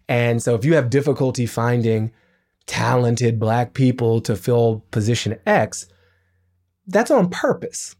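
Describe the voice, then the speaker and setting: A middle-aged man, a podcast guest, explaining his points in an animated, emphatic way. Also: medium pitch. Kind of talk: podcast interview.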